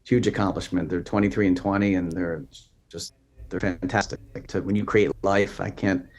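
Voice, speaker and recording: Earnest low-voiced man in his fifties. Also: steady tone, moderate pace, a little mellow. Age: 50s. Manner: earnest, inspirational. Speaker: podcast guest. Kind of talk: casual interview talk.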